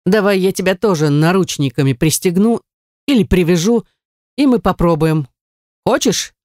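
Audiobook heavy: woman reader doing a snarling jealous young man, lowered voice, mellow and dry. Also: lively intonation, moderate pace, no echo. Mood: menacing. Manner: snarling, sneering. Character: menacing jealous young man, cruel and mocking.

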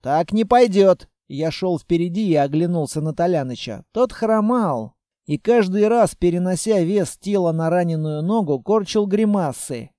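A man reads an action novel aloud in steady storytelling, his voice pitched high for a man yet mellow in tone. The recording is dry and close, with no room around him. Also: normal speed, no echo. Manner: steady storytelling, reads every character himself. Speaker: audiobook narrator. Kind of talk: scripted narration of an action novel.

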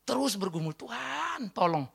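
A woman preaching a church sermon, firing rhetorical questions at the congregation and breaking into emphatic exclamations, swinging between loud and hushed. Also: fairly high pitch, very animated, normal speed, creaky, husky.

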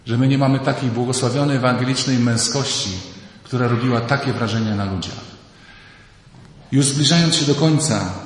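A priest preaching a retreat sermon in a large church, lively, acting out everyday voices. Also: male voice, lowish voice, a little hiss or hum. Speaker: priest giving a retreat talk. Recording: echoey hall, distant mic.

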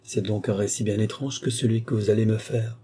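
A man reading the part of a dignified princess who heads a convent, speaking calmly and firmly. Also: fairly low pitch, a little fast, slightly rough. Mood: measured. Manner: calm, firm, questioning. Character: dignified royal prioress of a convent. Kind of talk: audiobook character reading.

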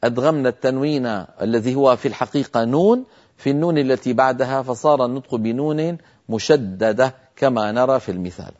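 Man teaching recitation, muffled audio. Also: medium pitch. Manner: explains each rule calmly, then demonstrates it slowly twice with drawn-out nasal sounds. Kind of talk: televised recitation lesson.

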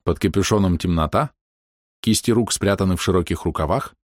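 A man reading a first-person fantasy audiobook in a lively, expressive way. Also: low-pitched, fairly quick, no echo, clean studio sound. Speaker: audiobook narrator.

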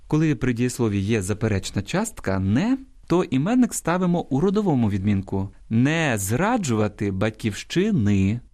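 Lively, didactic male radio host. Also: mid-range voice. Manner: didactic, spells out examples slowly and emphatically. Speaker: radio language program host. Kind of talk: scripted radio talk answering listener questions.

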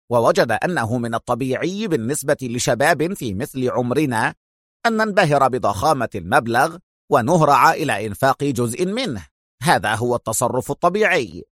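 A man voicing a stern young male team leader in an audiobook, speaking in a firm, measured way. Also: medium pitch, very animated, a bit bright, dry recording, clean studio sound.

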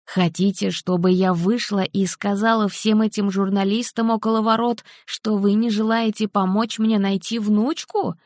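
A woman narrator puts on an older grandmother in her sixties with cold resolve. She speaks quietly and deliberately, close and dry. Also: mid-range voice, fairly even intonation, dry recording, lightly acted. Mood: steely. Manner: quiet, measured, firm. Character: determined grandmother, cold and steely. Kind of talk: audiobook character voicing.

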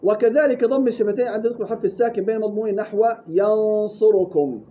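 A man teaching Quran recitation rules, demonstrating words slowly and correcting mistakes curtly. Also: high voice, warm tone. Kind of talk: tajweed lesson with drills and reading aloud. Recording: dull lo-fi recording with faint hiss.

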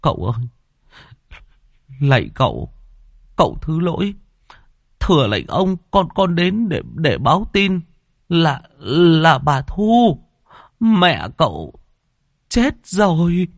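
A man's voice: medium pitch, big pitch swings, slow, darkish tone, dry recording, clean studio sound, heavily acted. A man voicing a timid young male servant who stammers and pleads humbly. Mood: humble.

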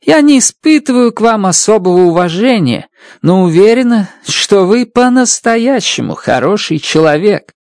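Reader putting on a stern mission chief woman, domineering, shouting, lively pitch, dry sound. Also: moderate pace, no echo. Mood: coolly firm. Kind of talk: audiobook character voice.

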